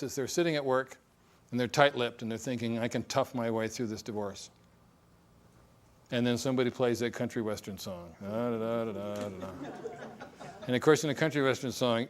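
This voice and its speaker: A middle-aged man presenting a divorce recovery seminar in a conversational way, with joking asides and acted-out examples. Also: medium pitch. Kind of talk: recorded seminar talk.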